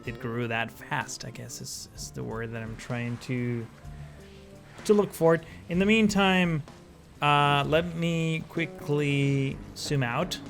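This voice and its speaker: A man's voice: a little high, takes it slowly, gravelly, soft background music. A man giving casual gameplay commentary as the host of his channel, rambling with many fillers and self-corrections.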